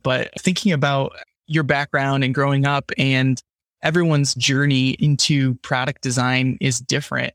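A man hosting a podcast, asking his guest relaxed, friendly questions. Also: medium pitch, no room sound, studio quality. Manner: friendly, scripted intro then relaxed questions. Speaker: podcast host.

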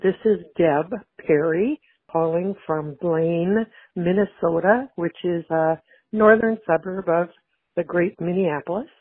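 A woman's voice: on the low side, a little slow, breathy edge, no echo. A woman leaving a voicemail for a podcast as a listener caller, chatty and mildly exasperated as she complains. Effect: voicemail played over a phone line. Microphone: telephone. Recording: tinny phone-line voicemail.

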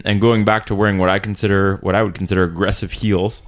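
Male podcast host, lowish voice, conversational and halting, recorded in a small room. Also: steady tone. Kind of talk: casual interview chat. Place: small room in a rented apartment.

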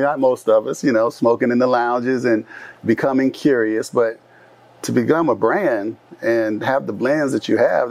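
A man hosts a relaxed interview in an upbeat, encouraging way. He speaks informally, with slangy affirmations and easygoing questions. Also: mid-range voice, gravelly, no room sound. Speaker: podcast host. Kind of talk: casual interview chat.

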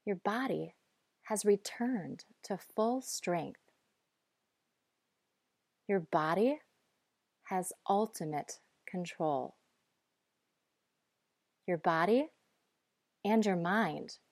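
A woman guiding breathing and muscle relaxation in a calm, measured, instructive way. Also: on the low side, gravelly, no room sound, clean studio sound. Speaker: guide.

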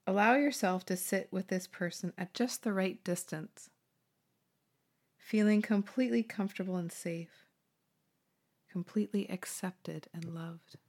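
A woman hosting a guided meditation, speaking slowly and soothingly with gentle pauses. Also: mid-range voice.

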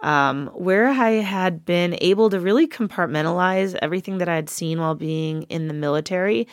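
A woman in her forties chats candidly on a podcast, her voice sitting on the lower side. She talks frankly and fills pauses with ums. The sound is dry and close. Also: no room sound. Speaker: podcast co-host. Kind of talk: casual chat.

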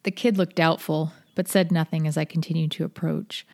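Woman narrating a story, slightly low pitch. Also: steady tone, fairly quick, vocal fry, darkish tone. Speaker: podcast host and narrator. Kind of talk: scripted first-person storytelling narration.

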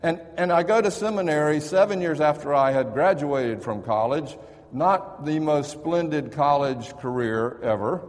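A man's voice: on the high side, normal speed, in a large hall. A man preaching a sermon in a conversational, storytelling manner. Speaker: pastor.

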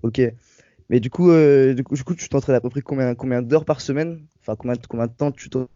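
A man hosts a casual interview over a phone call, speaking briskly at medium pitch in a warm tone without echo. He sounds hesitant and often repeats his words, and the call line is dull and lo-fi.

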